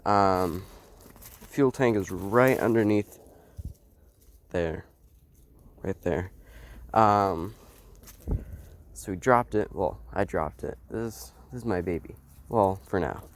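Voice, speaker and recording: Slow, low-voiced young man full of ums. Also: slight background noise. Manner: halting, filled with ums. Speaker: homesteading vlogger. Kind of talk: casual how-to explanation. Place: outdoors beside a truck. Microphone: phone held while filming.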